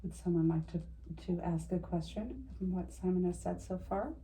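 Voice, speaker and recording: A woman's voice: fairly low pitch, normal speed, mellow, a little hiss or hum, poor audio. A woman hosting a group session, politely prompting and welcoming. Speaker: host of the channeling session.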